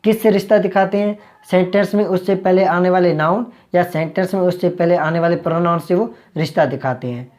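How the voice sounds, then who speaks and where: Slow, repetitive woman grammar teacher. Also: on the low side, darkish tone. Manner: slow and repetitive, restating each point several times. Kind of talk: explanatory online grammar lesson.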